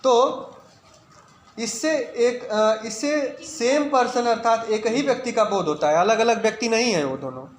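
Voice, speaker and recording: A male grammar teacher with an Indian English accent, dictating slowly and repeating words for students in a video lesson. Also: high voice. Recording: echoey room with faint ambient noise.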